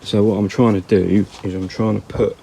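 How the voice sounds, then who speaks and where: A man's voice: lowish voice, level tone, moderate pace, creaky, noisy background. A man casually talking through an engine strip-down outdoors, rambling and plain-spoken, correcting himself as he goes. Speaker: car repair vlogger. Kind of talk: casual workshop commentary. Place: outdoors in a yard.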